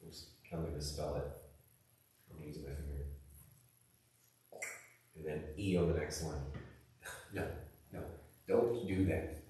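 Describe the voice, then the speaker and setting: Male teacher, low voice, loose chatty explaining, booming classroom echo. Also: fairly even intonation, measured pace, pauses often, warm tone, slight background noise. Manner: casual, rambling explanation with many fillers. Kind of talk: recorded classroom lesson. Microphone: camera across the room. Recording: echoey room, distant camera mic.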